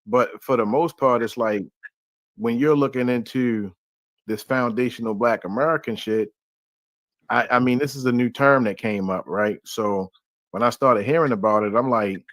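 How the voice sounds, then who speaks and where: A man's voice: medium pitch, no room sound. Laid-back man talking in a dry room. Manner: loose, conversational, heavy on filler phrases. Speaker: podcast panelist. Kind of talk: casual opinionated discussion.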